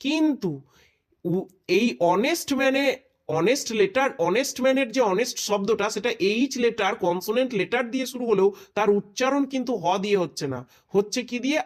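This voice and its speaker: Guy teaching english articles, high voice, keeps repeating sounds n asking "right?". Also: expressive. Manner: repetitive, drills pronunciations and asks checking questions; reads English rules out slowly and deliberately. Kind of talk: explanatory lesson.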